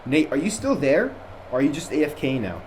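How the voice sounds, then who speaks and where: Brisk and very animated, his voice is on the high side with a darkish tone. A young Jordanian man with an American accent, he rambles casually as a student lecturer in an online review session, chatty with frequent fillers and restarts. His computer mic picks up slight background noise.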